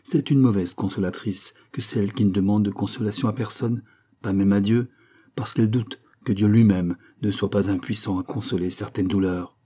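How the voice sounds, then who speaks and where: A proud young lady-in-waiting who answers a queen coldly and with bitter restraint, as a man voices her in an audiobook. The voice is dark and mellow, with a husky edge. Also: lowish voice, fairly even intonation, normal speed. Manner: cold, restrained replies. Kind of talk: audiobook character reading.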